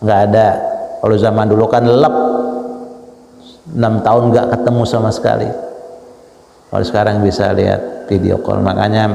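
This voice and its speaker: A male Islamic preacher giving a dawn sermon in a mosque, emphatic, jumping up high on the words he stresses and weaving in Arabic phrases. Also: level tone, moderate pace, vocal fry, pauses often, mellow. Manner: emphatic, leaps to high pitch on key words, mixes in Arabic. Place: mosque hall. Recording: echoey mosque hall with long reverb.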